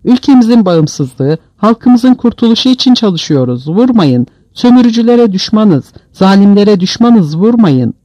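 A man's voice: high-pitched, big pitch swings, measured pace, hardly any pauses, warm tone, no room sound, highs cut off, voice pushed up. A man doing a beaten, pleading revolutionary. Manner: pleading, repetitive.

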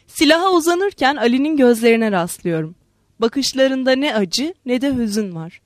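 A woman reads a literary novel aloud, measured and expressive. Her voice sits fairly high. The recording is dry and close, with no room sound. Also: dry recording. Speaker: narrator. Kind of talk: literary audiobook narration.

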